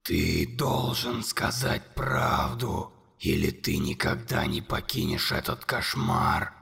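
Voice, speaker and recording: A man voicing a huge, relentless monster in an audiobook, speaking in a low, slow, menacing whisper. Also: expressive, gravelly, pushed and bright, breathy edge, big-room sound, exaggerated voice.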